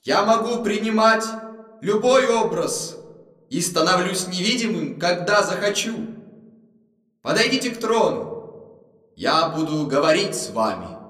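A woman voicing a grand, imperious male wizard who speaks invisibly, slow and solemn, in a long hall reverb. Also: fairly low pitch, very animated, fairly bright tone. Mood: solemn, commanding.

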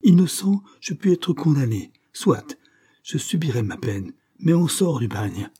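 A man's voice: fairly low pitch, fairly even intonation, moderate pace, mellow, a little hiss or hum, close to an everyday voice. A man doing a desperate accused young man. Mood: impassioned. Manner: impassioned, pleading and rising to outbursts.

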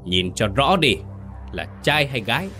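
A man voicing a calm, blind young female spirit medium in a ghost story, speaking coolly and matter-of-factly. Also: low-pitched, faint music behind. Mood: stern. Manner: cool, unhurried, matter-of-fact.

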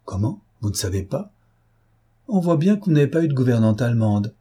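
A cheeky, quick-witted young woman, as a male reader puts her on, teasing and pert. Her voice sits noticeably higher than the reader's own and carries a brighter, raised push. The storybook delivery stays playful and needling. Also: very animated, slightly rough. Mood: mocking.

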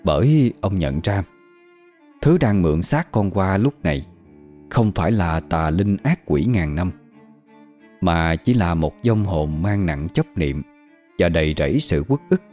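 A man giving scripted horror narration in a dramatic, expressive way. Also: low voice, a little slow, soft background music.

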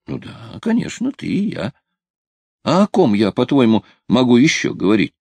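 A man's voice: mid-range voice, huge pitch swings, moderate pace, vocal fry, a little mellow, breathy edge, no room sound, pitched above the performer's own voice, exaggerated voice. A man reading an audiobook, voicing an eager, awkward young sailor who is pushy and flustered.

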